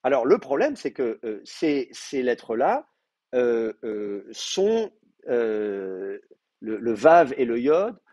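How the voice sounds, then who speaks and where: A man's voice: mid-range voice, big pitch swings, slow pace, mellow, no room sound. A man lecturing a class, explaining patiently with many fillers and restarts. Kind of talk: university lecture.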